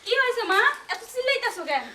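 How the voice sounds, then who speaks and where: An actress playing a sharp-tongued young married daughter who talks back to her mother. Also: very high voice, very animated, fast talker, heavily acted. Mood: sassy. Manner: sharp, sassy back-talk. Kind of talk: rural comedy drama acting.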